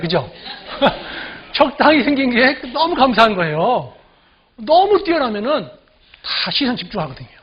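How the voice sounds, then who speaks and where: A man preaching a sermon in a conversational way, often checking with the congregation and slowing down to read scripture. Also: high voice, breathy edge. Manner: slow deliberate scripture reading. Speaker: pastor. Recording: dull lo-fi recording.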